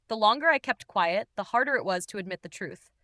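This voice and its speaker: Female narrator, first-person drama, bright crisp voice, dry booth sound. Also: mid-range voice, lively intonation, a little fast, no echo. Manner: confessional, tense and dramatic. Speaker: storyteller.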